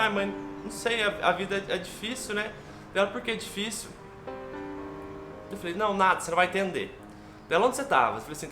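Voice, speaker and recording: A young man with a Brazilian Portuguese accent, telling a personal story to his viewers in a heartfelt, emotional way. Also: on the high side. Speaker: vlogger. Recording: echoey room with background music.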